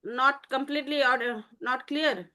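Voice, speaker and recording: A woman lectures an online class in a high voice. She explains step by step, patient and unhurried. Her talk is broken by frequent hesitant pauses, heard through a call headset mic. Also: pushed and bright. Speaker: teacher. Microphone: earphone mic on a video call.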